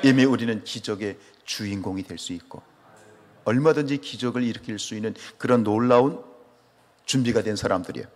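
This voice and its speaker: A man's voice: on the low side, brisk, in a large hall. A man from Chungcheong preaching a sermon as pastor, asking the congregation questions and answering them himself. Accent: Chungcheong Korean. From Chungcheong, South Korea. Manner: animated, asks the congregation questions. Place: church sanctuary.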